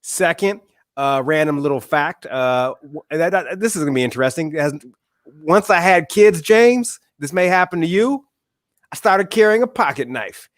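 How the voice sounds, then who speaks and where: A man from Michigan, a guest author and speaker, chatting in a relaxed, wry and opinionated way over a video call. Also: on the high side, moderate pace, dry recording, clean studio sound. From Michigan, USA. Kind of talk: casual interview chat.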